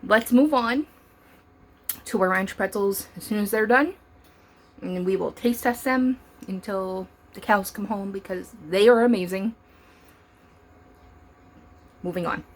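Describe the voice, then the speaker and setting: A woman's voice: on the high side, slight background noise. Chatty woman taste-testing snacks. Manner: chatty and enthusiastic, talks while chewing. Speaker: food vlogger. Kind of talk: casual cooking demo and taste test.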